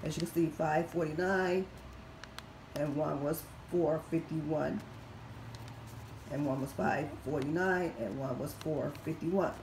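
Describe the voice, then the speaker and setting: This woman in her fifties speaks slowly in a raspy, low-sitting voice with a steady tone. A couponing vlogger still recovering from surgery, she methodically reads prices off receipts during a casual haul walkthrough, holding her phone camera over the items in an echoey room at home with faint background noise.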